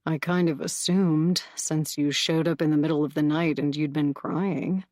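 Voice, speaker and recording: A woman voicing a cautious, gentle uncle. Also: sits low, fairly even intonation, normal speed, dry recording, clean studio sound, close to an everyday voice.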